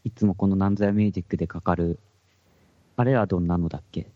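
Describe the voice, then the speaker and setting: A man's voice: sits low, steady tone, fast, no echo, muffled recording. A man with a Hakata accent, a podcast co-host in casual chat among musicians, joking and laughing often. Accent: Hakata dialect. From Fukuoka.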